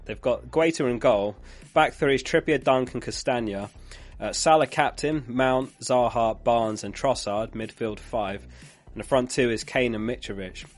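With faint music in the background, a man whose voice is failing runs a chatty live fantasy football stream, reading out comments from viewers and laughing with them. His pitch sits mid-range, and he talks at a moderate pace with few pauses.

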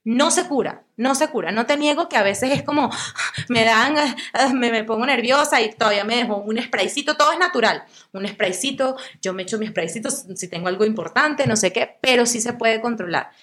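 A woman's voice: on the high side, brisk. A young woman from Venezuela, a guest and actress, chatting casually in an interview and telling stories with quoted voices. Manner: lively storytelling, acts out quoted voices.

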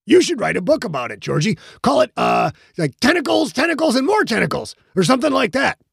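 A gravelly, husky-voiced bruiser of a football player, put on by a male audiobook reader. He is loud and crude, with a pitch that swings wildly up and down. The recording is dry and close. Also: big pitch swings, fairly quick, no room sound, full character voice. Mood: crude goofy. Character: crass, dim-witted burly young man, male football player.

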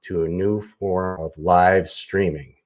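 A man's voice: deep voice, fairly even intonation, slow, muffled recording. A man hosting a casual chat with frequent restarts, heard over a video call with distorted audio. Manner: rambling, with frequent restarts and fillers. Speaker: podcast host.

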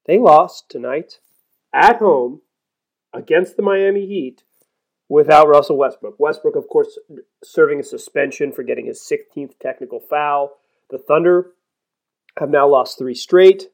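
A man hosting a basketball podcast, talking in a chatty, self-deprecating way with animated emphasis, and reading an ad. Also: on the high side, creaky. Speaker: podcast host. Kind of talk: sports podcast commentary and ad read.

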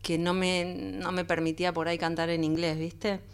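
Chatty porteño woman singer, smooth voice. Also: on the low side, flat delivery, normal speed. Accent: Buenos Aires Spanish. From Argentina, raised partly in Peru. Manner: chatty, rambling, frequent "viste" tags. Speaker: singer guest. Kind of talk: casual interview chat. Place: radio studio.

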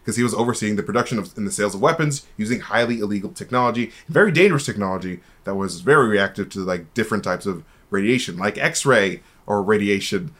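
A man's voice: lowish voice, quick pace, few pauses. A man co-hosting a podcast, chatting casually in a jokey way with frequent laughter. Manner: jokey, laughs often, lively delivery. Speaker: podcast co-host. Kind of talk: casual chat.

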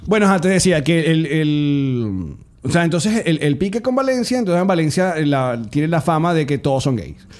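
A man's voice: fairly high pitch, big pitch swings, moderate pace, a little mellow. A man with a Venezuelan accent, co-hosting a comedy podcast in casual chat, rambling with many restarts and frequent laughs. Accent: Venezuelan Spanish. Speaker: podcast co-host and stand-up comedian.

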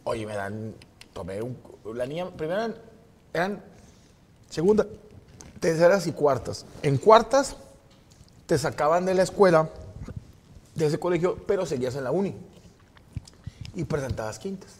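A man from Monterrey, a podcast host telling a story in casual, profane, animated talk and acting out other people's lines. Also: on the high side, moderate pace, pauses often. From Monterrey, Mexico.

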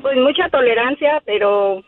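A woman in her fifties calling in to a radio show, calmly and earnestly answering the host's questions. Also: high voice, normal speed. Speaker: caller. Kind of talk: phone-in chat. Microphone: telephone. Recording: dull phone line.

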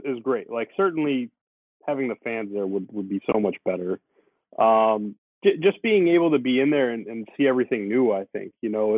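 A man's voice: mid-range voice, no echo. Man on a tinny phone line. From Syracuse, New York area, USA. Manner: easygoing, talks it through with many hedging fillers. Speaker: sports reporter guest. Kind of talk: casual podcast chat.

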